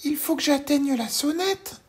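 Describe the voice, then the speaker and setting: A tiny squeaky little gentleman. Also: measured pace. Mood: polite. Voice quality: very high squeaky voice. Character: tiny cheerful little man, polite and eager. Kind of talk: children's audiobook reading.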